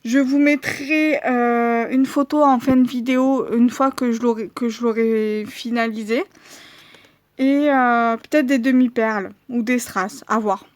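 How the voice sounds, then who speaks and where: Slow, hesitant woman showing craft cards. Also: fairly high pitch, fairly even intonation, no echo. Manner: hesitant, many fillers, slow and chatty. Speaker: crafting vlogger. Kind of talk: casual show-and-tell of handmade cards.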